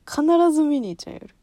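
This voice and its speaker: A woman's voice: sits high, dark tone, no echo. A young woman hosting a casual solo talk show, chatting in a rambling way and laughing often.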